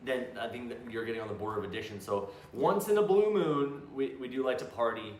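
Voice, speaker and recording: Casting: blunt, foul-mouthed male co-host, mid-pitched and conversational, recorded with room echo and faint noise. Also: quick pace. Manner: blunt, profane storyteller with many restarts. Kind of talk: casual chat.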